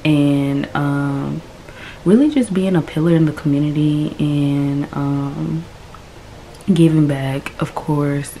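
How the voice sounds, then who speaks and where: A woman in her early twenties chatting casually to camera in a relaxed, slangy way. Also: low-pitched, slight background noise. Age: 20s. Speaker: vlogger. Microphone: phone camera.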